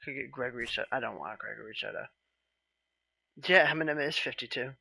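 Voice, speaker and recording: A man talking casually to his viewers on a live stream, in a gravelly, bright voice. He rambles in a relaxed way and often trails off into half-asked questions. The sound is dry and close, with no room echo. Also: mid-range voice, fast talker.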